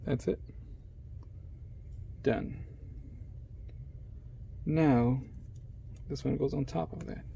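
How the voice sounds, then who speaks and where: A man's voice: medium pitch, steady tone, drawn-out words, creaky, pauses often, dark tone, slight background noise. A man giving a casual, step-by-step phone repair demonstration at his workplace, chatting to viewers while he works with his hands.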